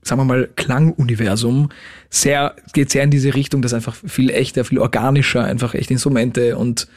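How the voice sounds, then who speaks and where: A man's voice: mid-range voice, normal speed. Late-twenties man, chatty pop musician. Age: late 20s. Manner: lively, mixes English words into speech. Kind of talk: casual interview.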